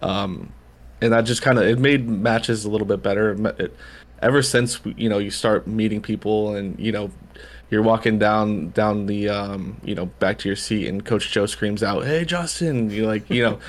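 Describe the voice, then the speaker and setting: A man's voice: on the low side, steady tone, moderate pace. A man, chatting casually as a podcast guest, rambling with lots of fillers and restarts. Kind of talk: casual chat.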